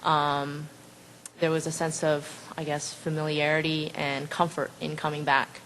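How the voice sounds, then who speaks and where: A woman's voice: low-pitched, level tone, measured pace, fairly bright tone, slight background noise, low-quality recording. A woman from Vancouver, speaking as a panelist, chatty and a bit self-deprecating. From Vancouver, Canada. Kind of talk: panel answer.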